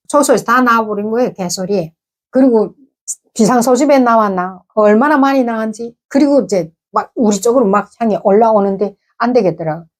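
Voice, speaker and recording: A woman from North Korea with a North Korean accent, telling a personal story in a casual, vivid way full of sound words. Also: medium pitch. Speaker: defector recounting her past.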